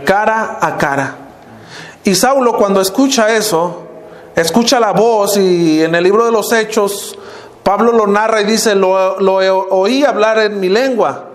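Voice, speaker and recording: An older minister with a Mexican accent preaches a sermon in a fairly high voice, repeatedly calling his listeners brothers. His pitch drops at the end of each phrase, and the sound echoes as if in a large church hall.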